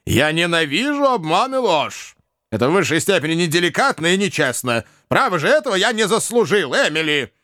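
A man voicing a hot-tempered old gentleman who blusters and barks orders. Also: high voice, sing-song, normal speed, few pauses, no echo, clean studio sound, pitched above the performer's own voice. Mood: blustering.

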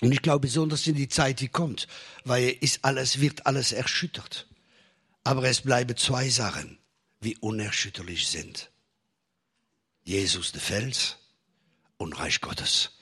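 Husky-voiced male preacher. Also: mid-range voice, a little slow, long pauses, sharp tone. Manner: preaching to a congregation with jokes and rising emphasis. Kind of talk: sermon.

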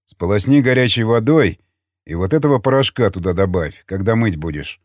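A man voicing a calm, commanding seasoned scavenger who speaks tersely and bluntly. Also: lowish voice, moderate pace, no echo, clean studio sound. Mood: stern. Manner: terse, blunt, matter-of-fact.

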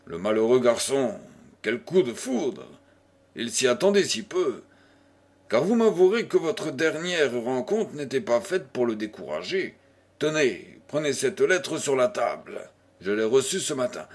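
A man's voice: medium pitch, very animated, unhurried, slightly rough, exaggerated voice. A man voicing an elderly aristocratic dowager who teases and fusses over a young widow, in a storybook reading. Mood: pleading. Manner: mock-scolding, playful, exclamatory.

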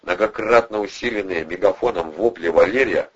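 A man narrating an audiobook, steady scripted storytelling. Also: low voice, fairly quick, husky, highs cut off.

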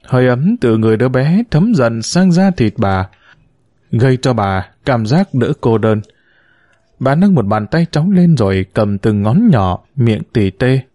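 Guy reading a novel out loud, steady pace, mellow warm voice, dry close sound. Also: mid-range voice, unhurried, no echo. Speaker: narrator. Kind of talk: audiobook narration of a novel.

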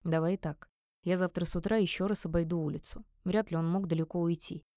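A woman putting on a gentle young man in his late twenties, his voice pitched low and kept soft and reassuring. Every line comes out calm and comforting, recorded dry and close with no room sound, as in a storybook audiobook. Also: brisk, dry recording, close to an everyday voice. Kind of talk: audiobook character voice.

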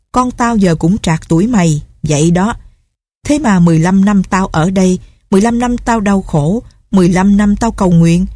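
A woman's voice: medium pitch, warm tone, no room sound, natural voice. A woman voicing a grief-crazed, vengeful old female recluse in an audiobook, ranting and menacing. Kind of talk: audiobook character reading.

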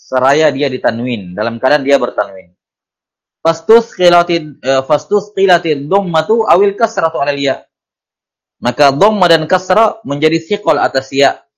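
A man teaching a study class on Arabic grammar from a classical text, with a mid-range voice. He drawls the Arabic lines, then rattles off the explanation. He keeps asking the class why and answering himself. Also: mid-range voice. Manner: reads Arabic text slowly, then explains it in quick Indonesian; asks the class questions and answers them himself.

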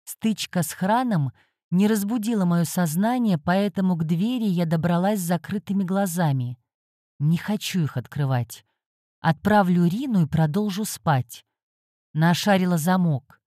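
Woman, audiobook narrator, first-person fantasy, wry, tired, low voice, dry close sound. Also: measured pace, mellow, dry recording.

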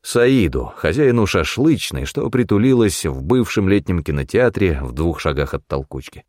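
Male audiobook narrator, lively dry read. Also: sits low, moderate pace, no echo. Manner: steady, matter-of-fact storytelling. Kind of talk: first-person audiobook narration.

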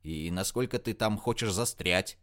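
A man voicing a jealous, domineering older man in an audiobook, barking commands and shouting. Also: low-pitched, moderate pace. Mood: suspicious. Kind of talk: audiobook character voice.

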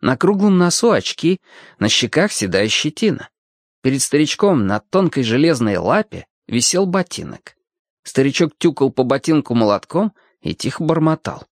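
A man reading a children's story aloud as an audiobook narrator, in a measured, expressive storytelling manner. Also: medium pitch, dry recording, clean studio sound. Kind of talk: scripted narration.

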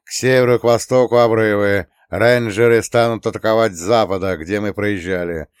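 Man voicing a clipped, commanding scout barking orders, low-ish voice, dead dry sound. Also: steady tone, a little fast, smooth, no room sound, natural voice. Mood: instructive.

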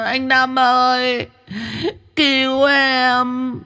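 A man's voice: very high-pitched, completely flat delivery, very slow, pushed and bright, smooth, pitched above the performer's own voice, heavily acted. A man voicing a trapped female spirit in a ghost story, shrieking desperately for help.

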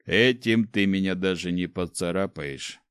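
A man playing a cold, scornful ancient dark mage who speaks slowly and mockingly in an audiobook. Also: low-pitched, clean tone, dry recording, studio quality. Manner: slow, mocking, detached. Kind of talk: audiobook character voice.

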